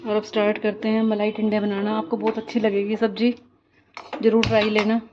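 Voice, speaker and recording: Ish woman vlogging on her phone, talks right to viewers, kinda monotone, slightly dull sound w faint hiss. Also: medium pitch, a little fast. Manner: chatty, addresses viewers directly. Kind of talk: casual family vlog narration.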